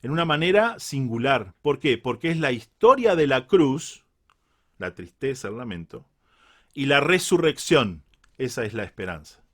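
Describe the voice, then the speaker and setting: A man's voice: medium pitch, big pitch swings, normal speed. Earnest Uruguayan man preaching. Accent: Uruguayan Spanish. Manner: earnest, reflective, repeats key phrases for emphasis. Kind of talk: biblical reflection sermon.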